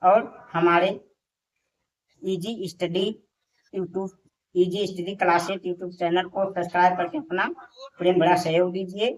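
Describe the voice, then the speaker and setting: A woman's voice: on the low side, flat delivery, a little slow, long pauses. A woman teaching a lesson step by step, patient and repeating each point. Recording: dull lo-fi recording.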